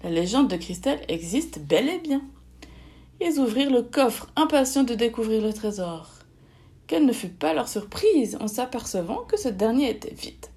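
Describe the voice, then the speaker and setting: A woman reading a children's story aloud, in a lively and expressive way. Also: a little high, moderate pace.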